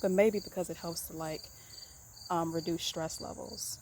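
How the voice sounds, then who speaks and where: A woman walks through her outdoor garden, chatting casually about her herbs in a somewhat low voice. She rambles easily, filling pauses with "um" and doubling her words. Crickets and insects chirp clearly behind her. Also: slight background noise. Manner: relaxed, rambling, many ums and repeated "really, really". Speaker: home gardener giving an herb tour. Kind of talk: casual garden tour vlog.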